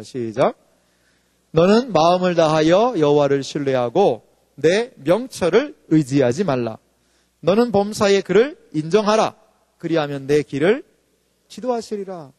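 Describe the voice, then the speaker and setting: With a high, darkish voice, a forty-something associate pastor preaches emphatically in his sanctuary, posing rhetorical questions to the congregation. It sounds studio quality, with the lengthy reverb of a church hall.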